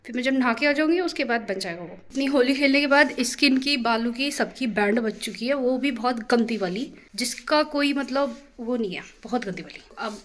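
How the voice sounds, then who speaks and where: A woman's voice: a little high, moderate pace, a bit bright, slight background noise. A young woman chatting playfully to camera in a casual home vlog. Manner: playful, chatty, giggling through a drying face mask. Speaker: vlogger.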